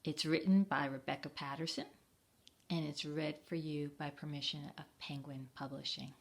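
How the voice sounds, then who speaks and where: A woman librarian reading a picture book aloud to children in a slow, expressive storytime voice. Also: deep voice, gravelly.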